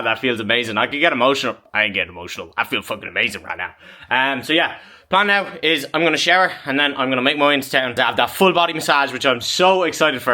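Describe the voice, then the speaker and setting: A young man talking casually to the camera as a fitness vlogger, chatty and excitable, swearing freely. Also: medium pitch, no echo. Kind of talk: casual talk-to-camera vlog.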